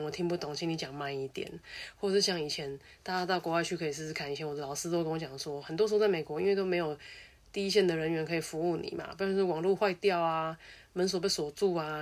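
A woman from Taiwan, hosting a casual advice monologue and acting out the lines of the people she talks about. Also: fairly low pitch. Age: adult who studied abroad. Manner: chatty, acts out quoted dialogue. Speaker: host.

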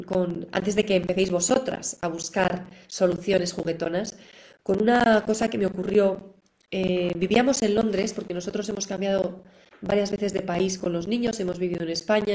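A woman's voice: medium pitch, moderate pace, rough recording. A middle-aged woman, teaching parents in a live online class in an encouraging manner. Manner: warm, encouraging, acts out examples. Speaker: parenting educator.

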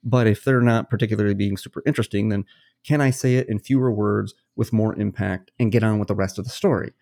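A man's voice: fairly low pitch, fairly even intonation, fast talker, darkish tone. A man co-hosting a podcast as a game master, explaining his ideas at length in a casual, long-winded way with plenty of worked examples. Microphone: podcast studio mic.

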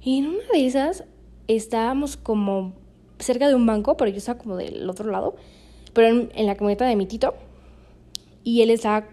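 A woman's voice: a little high, a little fast, long pauses, dark tone. A young Mexican woman, a podcast host, telling a personal story in casual chat, laughing often between fillers.

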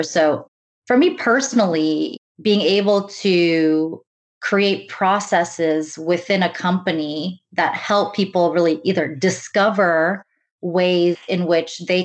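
A woman from the United States speaking in an interview about her work leading diversity and inclusion, earnest and measured, often saying "really" and "kind of.". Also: on the low side. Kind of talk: conversational interview.

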